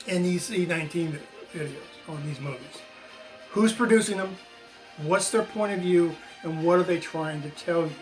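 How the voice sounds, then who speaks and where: Heard on a low-quality recording, this American video channel host in his sixties, formerly a teacher, speaks in a slightly high voice. He delivers an opinionated explanation to viewers, emphatic and repeating phrases for stress.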